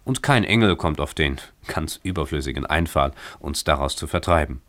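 A man's voice: extremely low pitch, animated, normal speed, a bit bright, no room sound. Man reading as a cheerful, playful young husband. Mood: jovial. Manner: exuberant, mock-grand declaiming. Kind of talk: radio story reading.

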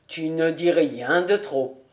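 A woman's voice: low voice, takes it slowly. A woman voicing a jovial, well-off man who teases his old friend, in an audiobook reading. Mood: cheerful. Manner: teasing, half-serious. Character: jovial well-off man, teasing, fond of food.

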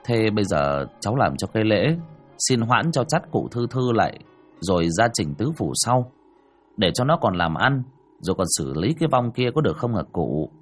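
A man's voice: fairly low pitch, very animated, normal speed, faint music behind. A man voicing a brusque, commanding male spirit master who gives blunt orders. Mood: firm. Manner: blunt, matter-of-fact orders.

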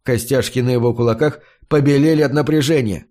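Male audiobook narrator, measured storytelling. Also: mid-range voice, steady tone, dark tone. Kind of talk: scripted first-person narration.

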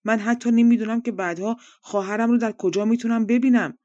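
A woman's voice: on the high side, steady tone, warm tone, dry recording, dull audio, voice pushed up, lightly acted. A woman voicing a frightened eldest brother refusing to hand over his sister, in an agitated tone. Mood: alarmed. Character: frightened eldest young prince, protective brother.

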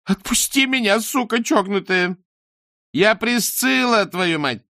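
A man voicing a bitter, scheming young woman singer who snaps, shouts and mocks in a storybook reading. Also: medium pitch, lively intonation, brisk, dry recording, clean studio sound, close to an everyday voice. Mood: screaming. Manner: snapping, shouting, mocking.

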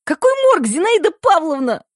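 A shrill squealing doctor. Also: sing-song, normal speed, dry recording, clean studio sound. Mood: shrill panic. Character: shrill, panicky corrupt male head doctor.

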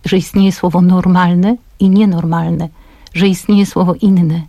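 Radio guest, gravelly mid voice, reflective and earnest, dry close studio mic. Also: medium pitch, little pitch movement, normal speed, mellow, no room sound. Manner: builds long lists of phrases.

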